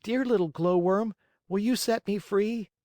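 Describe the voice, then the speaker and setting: A man's voice: high voice, measured pace, darkish tone, dry recording, studio quality, pitched above the performer's own voice. A man voicing a naughty wooden marionette boy in a storybook, thin and childlike, whining and pleading.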